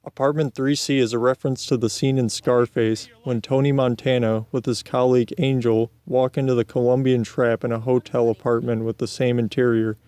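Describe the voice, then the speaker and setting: A man reading scripted video game narration in a deadpan manner, with casual asides. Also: medium pitch, brisk, hardly any pauses, smooth, no echo.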